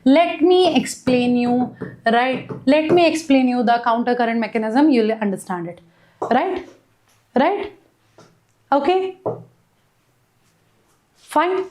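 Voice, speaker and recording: A woman's voice: high voice, animated, slow, pauses often, a little mellow. A woman with a North Indian accent teaching a live online class, repeating phrases and often checking with short tag questions. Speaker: biology teacher. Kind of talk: live online exam-prep lesson.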